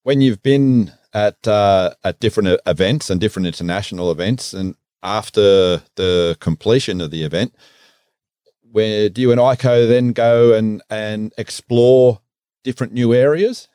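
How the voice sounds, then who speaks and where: Man, podcast host, lowish voice, warm mellow tone, measured questions. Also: clean tone, no echo, studio quality. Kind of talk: interviewing a guest.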